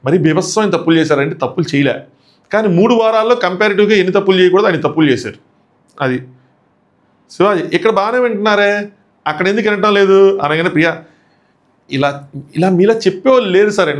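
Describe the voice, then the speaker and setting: A man's voice: sits high, expressive, fast, long pauses. A man reviewing a reality show, animatedly acting out quoted exchanges as he recaps them.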